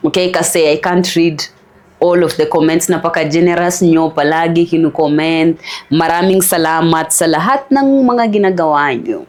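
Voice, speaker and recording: A woman's voice: on the low side, a little mellow. A young Kenyan woman vlogging in Tagalog and English, chatting casually and reading viewer comments aloud with careful pronunciation. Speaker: language-learning vlogger.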